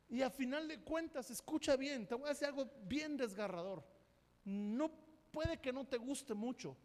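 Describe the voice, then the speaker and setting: A man preaching a sermon as pastor, impassioned and emphatic, sometimes rising to a shout. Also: very high voice. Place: church sanctuary. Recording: long church hall reverb.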